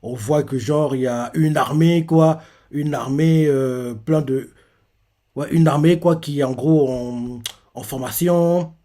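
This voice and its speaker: Mellow-voiced man rambling through a reaction. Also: on the high side, slow pace. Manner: rambling, many fillers and restarts, retells panels aloud. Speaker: manga reaction host. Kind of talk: live reaction, casual commentary.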